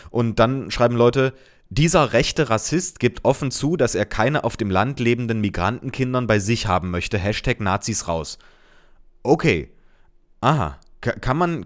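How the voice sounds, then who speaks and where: A man reading out reactions to his post with sarcastic, deadpan asides in casual commentary. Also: on the low side. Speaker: social media commentator.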